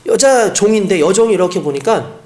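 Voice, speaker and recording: A man's voice: high voice, brisk, reverberant. A male pastor preaching a sermon, telling the story vividly and acting out the voices. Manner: animated storytelling with acted voices.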